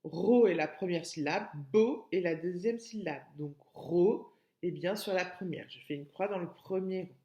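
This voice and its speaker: A woman's voice: on the low side, unhurried, dark tone, reverberant, lo-fi sound. A woman with a French accent teaching young children in a recorded remote lesson, patiently repeating words and splitting them into syllables. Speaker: kindergarten teacher.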